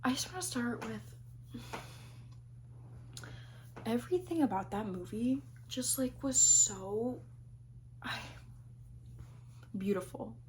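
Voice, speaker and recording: A woman's voice: fairly high pitch, lively intonation, slow pace, pauses often, darkish tone, a little hiss or hum. A young adult woman chatting casually to camera about her favorite things of the year, gushing and rambling with plenty of fillers. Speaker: vlogger.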